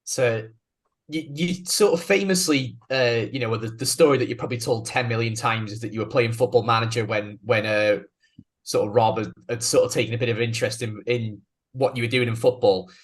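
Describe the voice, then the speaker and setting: A man's voice: medium pitch, fairly quick. A man interviewing someone in a casual, conversational style. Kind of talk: casual chat.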